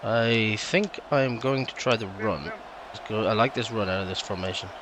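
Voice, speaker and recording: A man's voice: fairly low pitch, normal speed. A man giving casual, understated commentary on his own video game play, thinking aloud as he goes. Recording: game noise behind voice. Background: football video game commentary and crowd.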